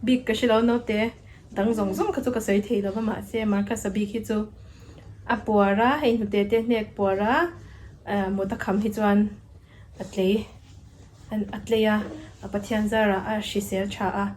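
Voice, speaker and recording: Chatty young woman vlogger, high voice. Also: a little hiss or hum. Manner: relaxed, chatty, explaining things to viewers. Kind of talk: casual vlog chat.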